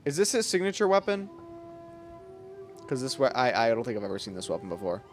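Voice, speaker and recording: Loud video game music backs this man's mid-range voice as he does a let's play. His pitch swings widely and he talks a little fast, reacting to the game in a casual, slangy way typical of a gaming content creator.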